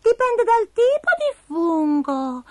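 A woman voicing a young witch girl in a high, sing-song voice, in a storybook reading. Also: big pitch swings, takes it slowly, no echo, exaggerated voice. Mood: chatty.

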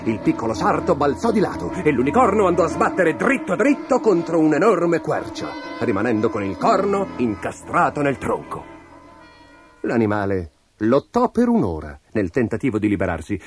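A man telling a fairy tale in a dramatic, expressive storybook style over background music. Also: mid-range voice, moderate pace. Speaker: narrator. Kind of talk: storybook narration.

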